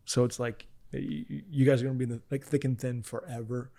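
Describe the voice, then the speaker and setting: A man in his forties, a pastor talking as a guest on a podcast, telling stories earnestly with frequent restarts and soft asides. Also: mid-range voice, flat delivery, quick pace, gravelly. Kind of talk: casual interview chat.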